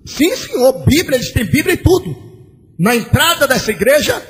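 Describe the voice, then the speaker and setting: A pastor preaching a sermon, shouting bursts and a sing-song cadence as he acts out conversations, in an old church recording. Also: very high-pitched, huge pitch swings, normal speed. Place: large church. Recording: old church recording with long hall reverb and faint hiss.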